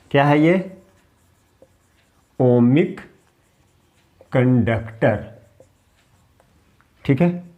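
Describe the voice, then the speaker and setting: Male teacher, slow and mellow, answers his own questions. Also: medium pitch. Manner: clears throat often. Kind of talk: classroom physics lesson.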